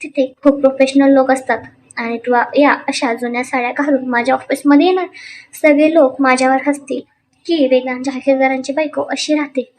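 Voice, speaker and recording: A proud, hot-tempered young husband, read by a woman narrator in a storybook serial. He snaps and scorns in a high voice. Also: fairly even intonation, a little fast, a little hiss or hum. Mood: angry. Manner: sharp, scornful, shouting. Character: angry arrogant young husband.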